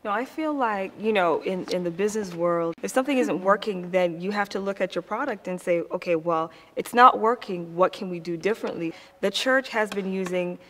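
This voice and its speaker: A woman's voice: mid-range voice, fairly quick, fairly bright tone, slight background noise. A young woman in a focus group making a reasoned, analytical case. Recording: hall reverb.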